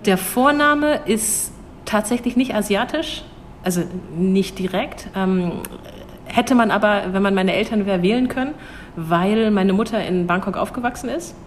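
A young embassy cultural attaché speaks unhurriedly in a medium-pitched voice against slight background noise. In her interview replies she is considered yet tentative, often restarting and laughing easily.

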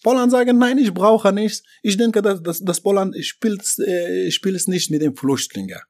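Man from Afghanistan, halting broken German. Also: high-pitched, animated, a little mellow. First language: not German. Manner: halting, broken German with many fillers and restarts. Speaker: interviewee. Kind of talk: interview about his deportation.

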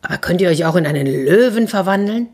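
A woman storyteller voicing a sly, flattering talking tomcat in boots who orders farm workers about and sweet-talks a wizard. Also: on the low side, quick pace, husky. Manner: bold, persuasive, theatrically flattering.

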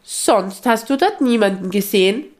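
A woman's voice: medium pitch, animated, normal speed, voice pushed up, close to an everyday voice. Woman voicing a curious little sparrow boy. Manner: inquisitive questioning. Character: small male sparrow, curious and helpful.

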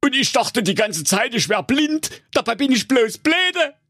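A man's voice: very high-pitched, very animated, unhurried, a bit bright, husky, no echo, studio quality, pitched above the performer's own voice, heavily acted. A man voicing a dim-witted handsome young man in a comic fairy tale, talking in a bumbling, flustered way.

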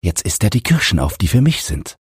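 A man voicing a feverish sick boy who repeats himself in a halting, dreamy way. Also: on the low side, sing-song, husky, dry recording, clean studio sound, voice pushed up, heavily acted. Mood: fretful.

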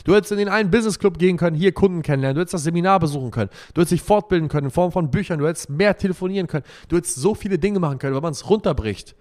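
A man's voice: a little high, rapid-fire, few pauses, darkish tone. A young man in a brash, profane monologue, mocking and emphatic as he rants. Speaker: money and lifestyle talker. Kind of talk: provocative monologue.

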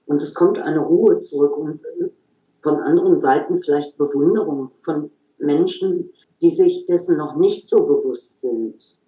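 A woman talking calmly and reflectively as an interview guest, explaining her work at an unhurried, thoughtful pace. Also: low-pitched, roomy sound, highs cut off. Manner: calm, explanatory, frequent "so" pauses. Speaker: guest, regression therapist.

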